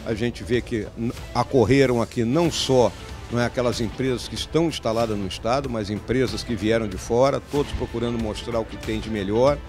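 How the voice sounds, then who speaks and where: A man in his sixties giving a measured interview at a trade fair, tacking on tag questions as he explains. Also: medium pitch, a little mellow, faint music behind. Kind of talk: interview soundbite. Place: indoor exhibition hall. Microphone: handheld interview mic.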